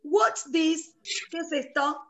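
A woman teacher with an Argentine Spanish accent, running an online English class in a lively, coaxing way. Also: high voice, slow. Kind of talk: online class, drilling vocabulary. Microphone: computer mic on a video call. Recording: noisy video call audio.

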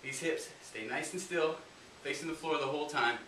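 A man's voice: fairly high pitch, moderate pace, pushed and bright, distant mic. A man working as a fitness trainer, talking through a home workout with coaching cues. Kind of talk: workout instruction. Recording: roomy echo, off-mic, faint hiss.

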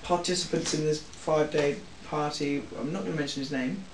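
Higher-voiced young man, boisterous crude banter. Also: fairly even intonation, brisk, slight background noise. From England. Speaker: vlogger. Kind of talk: casual chat with friends. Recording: echoey room.

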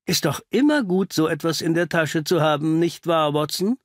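A man's voice: on the high side, expressive, normal speed, no echo, studio quality, natural voice. A man reading an audiobook, voicing a confident, cheerful male detective who talks in a teasing, cryptic way. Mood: cheerfully triumphant. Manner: teasing, cryptic, self-assured. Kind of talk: audiobook character voice.

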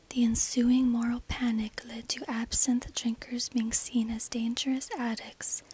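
A woman narrating a script in a breathy, unvoiced ASMR whisper, measured and deliberate, close on a binaural microphone. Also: a little high, a little mellow, rough recording. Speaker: narrator of an ASMR history video.

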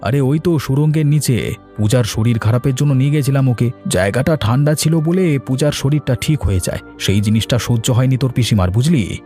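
Cartoon role: a brisk, scheming village man, played by a man, mid-pitched. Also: mellow, faint music behind, natural voice. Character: scheming village man, plots against the aunt. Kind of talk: cartoon voice acting.

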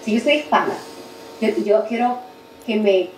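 A woman teaching a spelling masterclass over a video call, talking quickly and correcting herself as she explains. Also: medium pitch, roomy sound, slight background noise, rough recording. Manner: fast-talking, self-correcting, animated teacher. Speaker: guest instructor.

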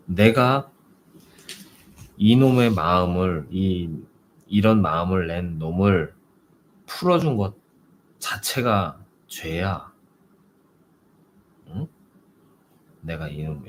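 Man, very low voice, Zen teacher, conversational sermon, rhetorical questions, faint background hiss.

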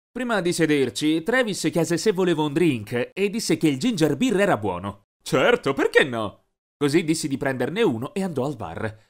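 A man narrating an animated story in a scripted, expressive way. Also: fairly high pitch. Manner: lively, expressive.

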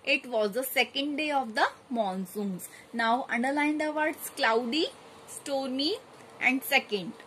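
A woman teacher going through a grammar exercise, reading each sentence and then calmly telling the children which words to underline. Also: high-pitched, measured pace, a little hiss or hum, low-quality recording. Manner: steady, methodical dictation of exercise answers. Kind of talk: grammar lesson, reading out answers.

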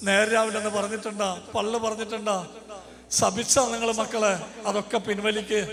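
Fervent high-voiced man leading prayer. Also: little pitch movement, a little fast, gravelly, fairly bright tone, in a large hall. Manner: fervent, commanding, exhorting the congregation. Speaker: priest leading adoration prayer. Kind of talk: guided prayer sermon. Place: church. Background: devotional music.

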